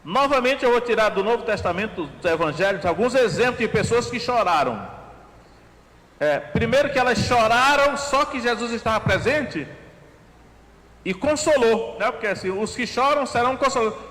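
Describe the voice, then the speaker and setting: A man with a Brazilian Portuguese accent preaching a sermon, reading scripture slowly and often adding a questioning "né?". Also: very high-pitched, lively intonation, fairly bright tone. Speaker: pastor. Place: church sanctuary. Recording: church hall with long reverb.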